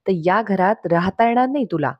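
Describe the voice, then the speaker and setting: A woman plays a bossy, cold-hearted wealthy mother who speaks in flat, clipped orders. She sits at a middle pitch, and the voice is close and dry with no room sound. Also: a little fast, no echo, dull audio, close to an everyday voice. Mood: stern. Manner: commanding, cold.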